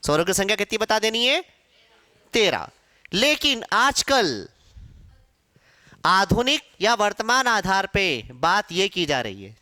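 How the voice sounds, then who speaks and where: Lively teacher drilling vowel sounds. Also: male voice, high-pitched, smooth. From India. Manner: drills pronunciation aloud, asks and answers his own questions. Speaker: Hindi teacher. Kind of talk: classroom lecture.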